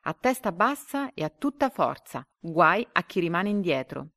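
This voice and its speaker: A bossy, scornful lead duck from a storybook barks his orders in a low, dry voice, as a woman reading aloud puts him on. He raises his pitch and volume into brusque shouts. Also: steady tone, moderate pace, smooth, no room sound.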